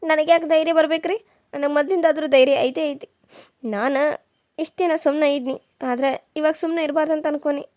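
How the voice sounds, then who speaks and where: An aggrieved young village daughter-in-law from a cartoon serial, voiced by a woman. She talks back defiantly in a North Karnataka accent. Her voice is high, quick and dry. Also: fairly even intonation, darkish tone, no room sound, natural voice. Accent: North Karnataka Kannada.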